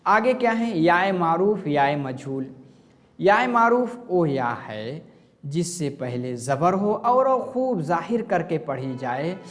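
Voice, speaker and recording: A man's voice: on the high side, very animated, in a large hall. A male teacher giving a grammar lesson, asking questions and answering them himself, repeating the key points. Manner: slow and repetitive explaining.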